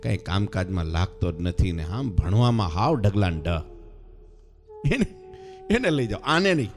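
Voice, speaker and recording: An exasperated village father grumbles in a dismissive way, his pitch swinging between high protests and low grumbles, as a man acts him out. Faint music plays behind him. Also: big pitch swings, normal speed. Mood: complaining. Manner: complaining, dismissive.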